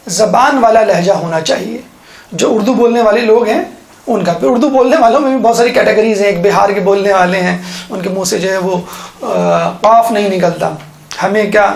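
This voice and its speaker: A woman's voice: medium pitch, gravelly. Woman lecturing about giving sermons, roomy echo, explains step by step. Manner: explanatory, often checks in with listeners. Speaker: religious teacher.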